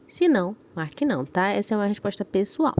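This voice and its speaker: A woman's voice: medium pitch, big pitch swings, quick pace, darkish tone, a little hiss or hum. Patient woman teacher, northern Brazilian accent. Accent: northern Brazilian Portuguese. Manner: patient, explains step by step, checks in with "tá?" after points. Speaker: primary school teacher. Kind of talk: recorded remote class lesson.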